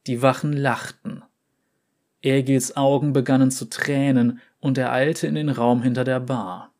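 A man narrating a fantasy story in a slow, measured reading style. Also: medium pitch, level tone, darkish tone.

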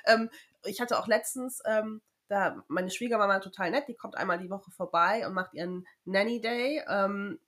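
A woman co-hosting a casual chat podcast, talking in a frank, emphatic way with pauses and fillers. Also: medium pitch, fairly bright tone. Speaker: podcast co-host.

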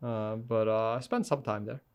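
A man's voice: lowish voice, fairly even intonation, moderate pace, a little hiss or hum. A man from Russia speaking as a podcast guest, talking hesitantly with many fillers. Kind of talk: casual interview talk.

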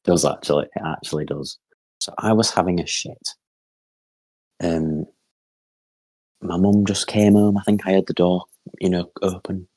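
Young lad, podcast co-host, deep husky voice, rambling and sweary. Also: male voice, steady tone, normal speed, long pauses, a little mellow, no room sound. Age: young adult. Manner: rambling storyteller with lots of fillers and swearing. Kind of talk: casual chat and anecdote.

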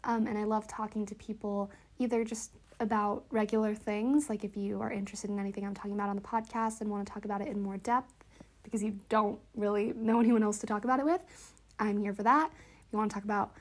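A woman's voice: mid-range voice, fairly even intonation, quick pace. A woman hosting a casual solo podcast in a chatty, upbeat, informal way, sounding stuffed up and slightly wheezy. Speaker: podcast host.

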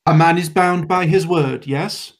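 Player in role-play, measured, quiet menace, mid pitch. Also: a little hiss or hum. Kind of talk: in-character tabletop role-play.

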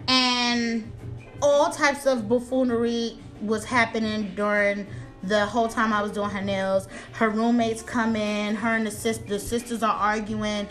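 A young woman, a nail technician telling a story in casual chat, animated and acting out quotes. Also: a little slow, soft background music, rough recording. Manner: animated, acts out quotes with big pitch jumps, laughs through lines.

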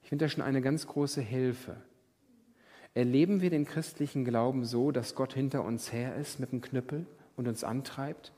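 A man preaching a sermon as a pastor, asking rhetorical questions and swinging between loud emphasis and whispers. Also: mid-range voice, moderate pace. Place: church hall. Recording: long church hall reverb.

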